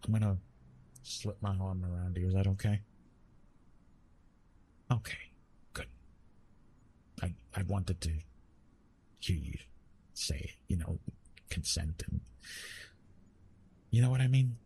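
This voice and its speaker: In an intimate ASMR roleplay, a man plays a retired immortal Greek god of love, talking to the listener in a soothing, gently teasing, conversational way. His voice sits low and moves slowly, with frequent pauses and a faint hiss or hum. The mood is caring and soft.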